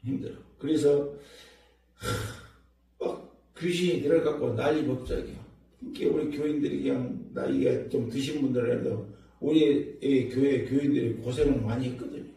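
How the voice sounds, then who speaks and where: An older man with a Jeolla accent, a church elder giving an emotional, animated testimony sermon. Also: mid-range voice, normal speed, vocal fry. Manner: emotional, animated storytelling with laughter. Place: large prayer hall. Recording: echoey hall, mic far off.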